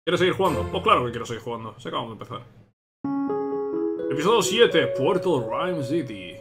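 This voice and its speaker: A man with an accent from Spain giving casual game commentary, often repeating phrases excitedly. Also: on the high side, fairly quick. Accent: Spanish from Spain. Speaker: gaming video host. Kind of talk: casual let's play commentary. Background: game music.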